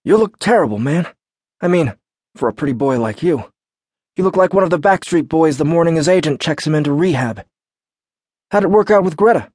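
A joking courthouse security guard, as a male narrator plays him, full of teasing banter. The voice is lifted noticeably above the reader's own low tone, and the sound is dry and close. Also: expressive, brisk, long pauses, a little mellow, breathy edge, no echo.

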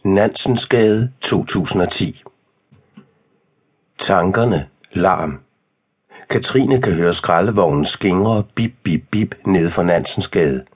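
Man, audiobook narration, very low voice, husky tone, measured and calm.

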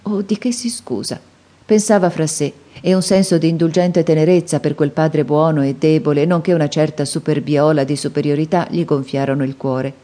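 A woman narrating a classic novel in a measured, even reading. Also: low voice. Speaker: audiobook narrator. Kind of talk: scripted literary narration.

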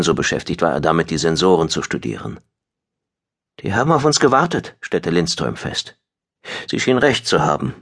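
Male narrator with a very low voice and steady, measured delivery. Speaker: audiobook narrator. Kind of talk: scripted narration.

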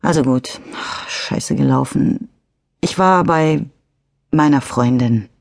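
A woman giving voice to a rattled middle-aged driver, husky, stammering, defensive, audiobook character, dry close sound. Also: very deep voice, slow pace, no echo, heavily acted. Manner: shaken, stammering, turning defensive. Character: nervous middle-aged male driver after a crash.

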